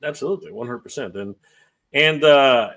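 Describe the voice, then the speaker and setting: A man's voice: mid-range voice, moderate pace, fairly bright tone. A man from Canada co-hosting a casual live-stream chat, rambling and restarting his words often. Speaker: podcast co-host.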